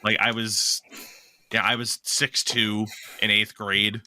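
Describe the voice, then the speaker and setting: Speaking slowly with a lowish, sharp voice and little pitch movement, a young man from Maine co-hosts a podcast. His casual chat rambles along with self-corrections and the odd swear word.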